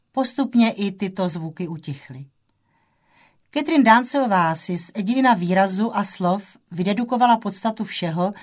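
A woman narrating an audiobook in a calm, measured way. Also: mid-range voice. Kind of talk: scripted narration.

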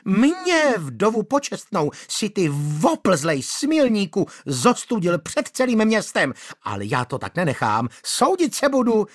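A man voicing an angry widow who shrieks and scolds her deceitful suitor in a shrill voice. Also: wildly swooping pitch, few pauses, husky, exaggerated voice. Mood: shrill, scolding. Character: shrieking, furious middle-aged widow, woman. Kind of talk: audiobook character voice.

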